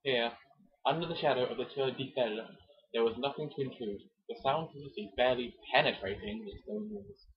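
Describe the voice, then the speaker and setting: A man gives an amateur, mock-dramatic reading of a romance novel in a brisk, expressive, mid-range voice, breaking off for joking asides and comments. The recording is dull, muffled, and lo-fi.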